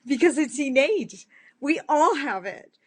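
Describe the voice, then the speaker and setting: A Dutch woman in her fifties, a kindness speaker, gives an earnest, heartfelt live-stream talk to her followers in a big, booming voice. She's very animated yet unhurried.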